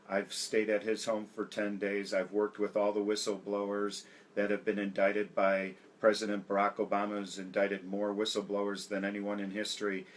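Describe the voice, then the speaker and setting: A man's voice: mid-range voice, slight background noise. An American man speaking emphatically as a political candidate in an interview, listing grievances. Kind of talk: campaign interview.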